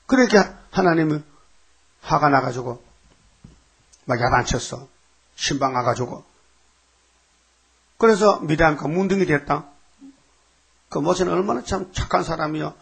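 A man's voice: fairly high pitch, a little slow, vocal fry, pauses often, breathy edge. A man preaching a sermon in a conversational, emphatic way, often throwing rhetorical questions at his listeners.

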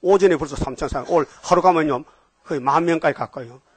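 Gyeongsang-accented pastor, dry and close. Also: male voice, on the high side, quick pace, breathy edge, dry recording. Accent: Gyeongsang Korean. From Gyeongsang region, Korea. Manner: animated, questions the congregation, jumps between topics. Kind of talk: sermon.

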